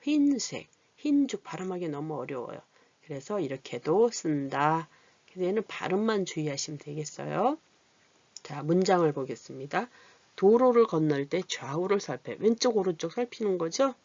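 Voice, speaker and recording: An adult literacy teacher explaining vowels patiently, asking rhetorical questions and reading example words slowly. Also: mid-range voice, animated, darkish tone, dry recording, highs cut off. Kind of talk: Korean vowel lesson.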